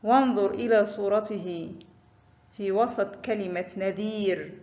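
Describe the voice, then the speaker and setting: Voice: medium pitch, darkish tone, reverberant, lo-fi sound. An Arabic teacher reciting a phonics lesson, stretching out each example word after stating the rule. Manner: drawn-out example words after brisk letter rules.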